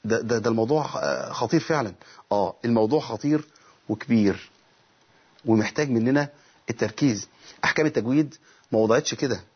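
A middle-aged man with an Egyptian Arabic accent teaches Quran recitation on television, asking and answering his own questions and breaking off to recite verses as examples. His medium-pitched voice is slightly rough, and the recording is muffled.

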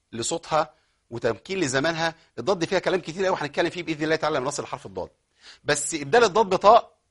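A man with an Egyptian accent teaching Quran recitation rules. He explains common mistakes, then recites words slowly and repeats them. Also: on the high side, breathy edge. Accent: Egyptian Arabic. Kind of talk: tajweed lesson with recited examples.

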